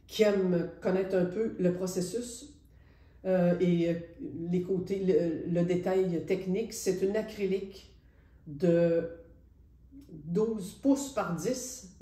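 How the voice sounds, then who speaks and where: A middle-aged woman with a Quebec French accent talks casually about her own painting in an art presentation. She's reflective and hesitant, with many pauses, and her lowish, warm voice echoes in a roomy space.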